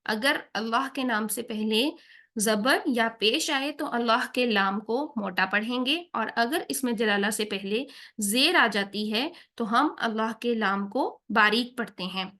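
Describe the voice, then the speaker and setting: Teaching Quran recitation in a tajweed lesson, a woman speaks in a slightly high voice with a bright, forceful tone. She patiently goes through each pronunciation point step by step, reciting examples slowly and checking her learners keep up.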